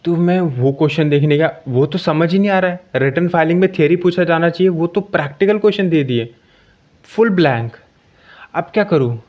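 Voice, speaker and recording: A young man with a somewhat high voice tells a casual story from his own experience. He talks conversationally, checks in often with the listener and restarts his phrases. The sound is muffled and lo-fi. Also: a little fast. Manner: conversational, with frequent "ठीक है" check-ins and self-corrections. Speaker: exam candidate sharing his experience. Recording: dull lo-fi sound.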